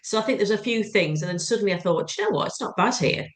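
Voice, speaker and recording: A woman's voice: mid-range voice, animated, fast. A woman, co-hosting a podcast in a casual chatty way and quoting her own thoughts. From England. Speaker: podcast co-host. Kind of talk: casual chat.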